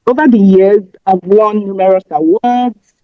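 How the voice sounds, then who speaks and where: A Nigerian woman appears as a podcast guest, giving casual interview answers in a rambling way full of fillers and restarts. Her voice is medium in pitch and measured in pace. The audio is dry and slightly muffled with no room sound, and faint music plays behind her.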